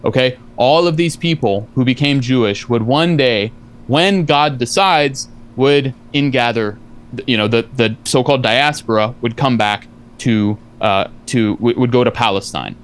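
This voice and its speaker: Guy arguing hard on a video call, lecturing, keeps going no no no, mid pitch. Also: a little slow, clear, resonant tone. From family from Eastern Europe. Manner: insistent, lecturing, repeats "no, no, no". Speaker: debate guest. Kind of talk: heated debate.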